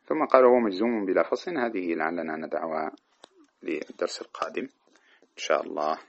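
Male fiqh teacher, very low and gravelly, quick delivery, reads the text aloud then explains it, lo-fi recording. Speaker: teacher of Maliki jurisprudence. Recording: dull lo-fi recording.

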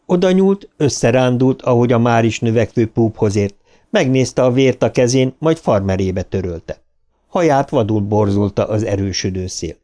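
A man reading an audiobook aloud in an expressive, dramatic narration style. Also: mid-range voice.

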